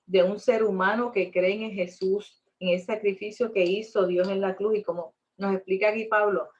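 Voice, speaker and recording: A woman's voice: medium pitch, muffled recording. A woman teaching a Bible class in an earnest, emphatic way, asking rhetorical questions.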